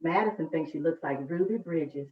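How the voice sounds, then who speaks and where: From her home on a live video call, a woman with a deep voice hosts a children's read-aloud, chatting to families at normal speed. The audio comes through an echoey room and a muffled, far-off mic.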